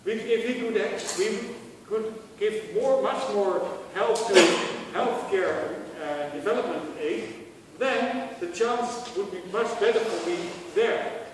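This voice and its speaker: In a large lecture hall, a middle-aged Dutch-accented man teaches university students, tossing out rhetorical questions and often restarting phrases. His voice is high for a man, expressive and slow, with hardly any pauses. Recorded by a far camera, the sound is echoey with long reverb and a noisy background.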